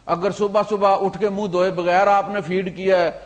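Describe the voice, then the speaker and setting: A man preaching a storytelling sermon, swinging between loud emphasis and quiet asides, with English words mixed into his talk. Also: high voice, little pitch movement, lo-fi sound. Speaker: Islamic preacher.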